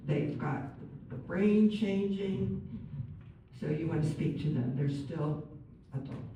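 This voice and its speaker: A woman working as a nurse and counsellor, giving a chatty, gentle talk to a group and acting out example phrases. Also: deep voice, takes it slowly, background noise. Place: large room with an audience. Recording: very echoey room, far from mic.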